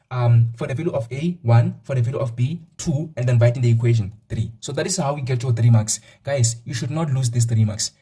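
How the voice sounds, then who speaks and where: A man's voice: mid-range voice, warm tone, husky. A young man teaching a math lesson to students, counting aloud and repeating himself often, with fillers as he thinks.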